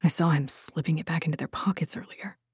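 A woman voicing a guarded young warrior who speaks in hushed, clipped whispers. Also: deep voice, steady tone, moderate pace, creaky, breathy edge, no room sound, studio quality, exaggerated voice. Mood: hushed, wary.

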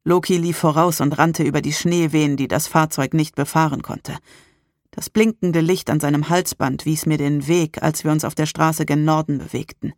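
A tense, dramatic first-person audiobook narration at a middle pitch. It is read close to the mic in a dry booth with no room sound. The delivery is steady and scripted. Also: moderate pace, no room sound.

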